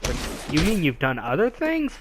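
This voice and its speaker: A man's voice: medium pitch, animated, brisk. A man hosting a let's play with casual, playful, joking asides about the game. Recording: clear background game noise.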